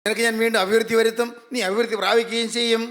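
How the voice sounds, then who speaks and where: High-pitched fast-talking male preacher. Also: level tone, a bit bright. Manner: emphatic, repeats phrases. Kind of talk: sermon.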